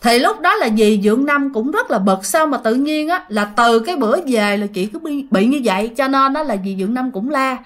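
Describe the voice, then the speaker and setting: A woman's voice: sits high, animated, a little fast, hardly any pauses, a bit bright. A woman telling a ghost story in a chatty way, speaking directly to her listeners. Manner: chatty, addresses listeners directly, many fillers. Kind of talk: casual ghost story narration.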